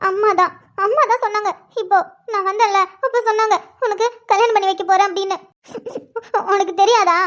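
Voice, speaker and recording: A tearful younger sister from a cartoon. Her voice is very high-pitched, and she pleads as she talks. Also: steady tone, brisk, fairly bright tone, lo-fi sound. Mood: upset. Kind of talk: cartoon voice acting.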